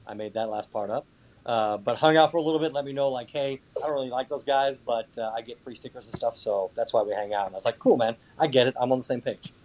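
A man's voice: mid-range voice, fast, a little mellow, a little hiss or hum. A man chatting casually as a podcast guest, sarcastic and foul-mouthed, with mock boasting. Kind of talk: casual chat.

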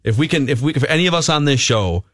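A man's voice: medium pitch, expressive, quick pace, no echo, studio quality. A man with an American accent talking as a sports talk radio host, conversational and ad-libbing between banter and live reads.

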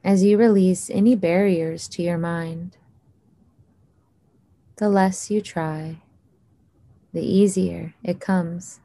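A woman leading a guided hypnosis meditation in a slow, soothing voice with long pauses. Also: lowish voice, steady tone, warm tone, no room sound, studio quality.

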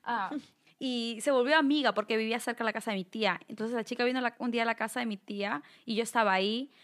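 A young woman from Peru, co-hosting a casual podcast chat and telling stories with lively, acted-out quotes. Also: a little high, fast. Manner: animated storyteller, acts out quoted voices. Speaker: podcast co-host. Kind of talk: casual conversation.

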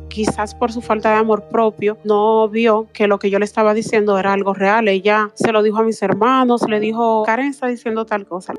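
A woman in her thirties giving a personal account in an interview, speaking earnestly with halting restarts. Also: a little high. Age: 30s. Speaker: interview guest. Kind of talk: personal testimony.

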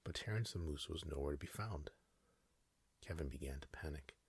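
A man tells a sleep story in a soft, slow ASMR whisper. His voice sits very low and husky. The sound is close and dry. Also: dry recording.

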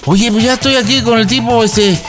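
A man's voice: very high-pitched, steady tone, fairly quick, fairly bright tone. A man who hosts a radio show, setting up a prank call in playful, teasing banter.

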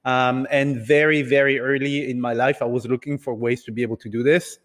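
An entrepreneur appearing as a podcast guest, this man grew up in Italy and several other countries and tells his story casually. His mid-range voice barely moves in pitch, and he speaks haltingly and hesitantly, repeating words. The room sound is reverberant, almost like a hall.

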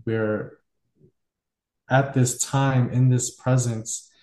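A podcast host, a man, muses at length in casual conversation, reflective and loosely structured with lots of fillers. His medium-pitched voice is dark in tone, very slow, fairly even in intonation, and sounds roomy.

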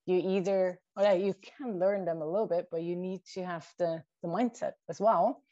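A shark scientist from Switzerland, whose native language is Swiss German, responds to interview questions with care, running through points with small restarts. Her voice is low and dark, with fairly even intonation and a moderate pace. The recording sounds dull, lo-fi, and dry.

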